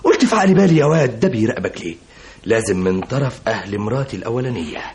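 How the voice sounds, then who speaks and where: An excitable Egyptian husband. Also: male voice, high voice, quick pace. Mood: agitated. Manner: animated storyteller.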